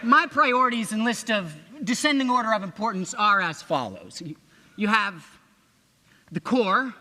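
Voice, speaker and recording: Man playing a very high-voiced, cocky young cadet. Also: big pitch swings, normal speed, sharp tone, a little hiss or hum, full character voice. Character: eager young male cadet, cocky know-it-all showing newcomer ropes. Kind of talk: stage musical acting and singing. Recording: reverberant hall stage recording.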